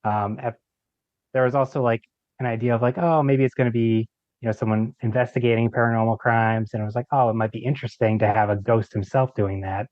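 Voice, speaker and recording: A man with a medium-pitched, steady voice talks fast as a podcast guest, an audio drama creator chatting casually in an informal, slightly hesitant way with light amusement. There's no room sound, though the lo-fi microphone makes him sound a bit dull.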